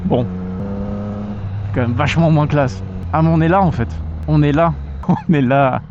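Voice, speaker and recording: A young moto vlogger with a high voice rides through traffic, chatting to himself in a slangy, jokey way, full of swear words. His voice comes through a muffled helmet mic, with loud wind and traffic noise all around. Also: measured pace. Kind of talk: casual vlog commentary while riding. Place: outdoors on a motorbike in traffic.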